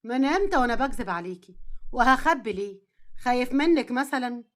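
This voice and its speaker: A woman's voice: fairly high pitch, lively intonation, fast, pitched below the performer's own voice, close to an everyday voice. A woman doing a curt stern Egyptian man in his thirties. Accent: Egyptian Arabic. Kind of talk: storytelling audio drama.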